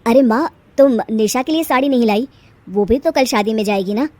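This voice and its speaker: A woman voicing a gentle, patient young man, the stepson, speaking softly and calmly in a storybook tale. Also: fairly high pitch, fairly quick, no room sound, close to an everyday voice. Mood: gloomy. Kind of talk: storybook voice acting.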